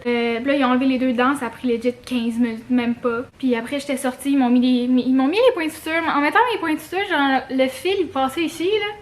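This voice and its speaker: High-pitched young Quebec woman chatting casually. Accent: Quebec French. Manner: expressive, slangy, swears and mixes in English words. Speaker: vlogger. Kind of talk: casual chat to camera, personal story.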